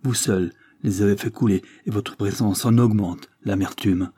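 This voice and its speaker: A man's voice: on the low side, moderate pace, mellow, slightly rough, dry recording, clean studio sound. A man voicing a wounded, dignified noblewoman in a storybook reading, speaking with impassioned reproach. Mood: bitter reproach. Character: wounded noble mother, firm and bitter.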